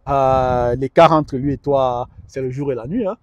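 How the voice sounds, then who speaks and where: This middle-aged man, a guest advisor in a conversational interview, speaks earnestly and unhurriedly, repeating words as he searches for the next. His voice is mid-range. The recording is dry and the audio dull.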